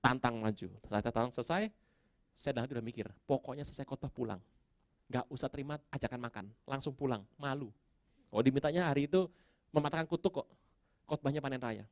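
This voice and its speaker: A man's voice: quick pace, dry recording. Pastor guy preaching, dry close sound, jumps way up when he acts out the dialogue. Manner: animated storytelling, acting out his own prayers and dialogue with big pitch jumps. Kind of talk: sermon with personal story.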